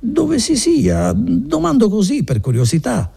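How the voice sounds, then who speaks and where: A man voicing a wary young mountain villager who answers evasively, his voice rough and gravelly in an audiobook reading. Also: very high-pitched, wildly swooping pitch, unhurried, mellow, pitched above the performer's own voice, full character voice. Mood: guarded. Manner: guarded, evasive.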